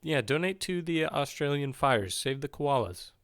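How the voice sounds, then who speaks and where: Young dude cohost, deadpan one-liners, bright voice, super dry sound. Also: male voice, fairly high pitch, clean tone, no room sound. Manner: deadpan, quick ironic quips. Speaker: podcast co-host. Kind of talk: casual chat.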